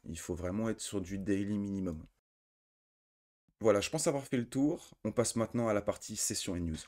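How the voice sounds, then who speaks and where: A man from France giving a step-by-step trading software tutorial, talking through settings with frequent fillers and self-corrections. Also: fairly low pitch, normal speed. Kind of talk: screen-recorded software tutorial.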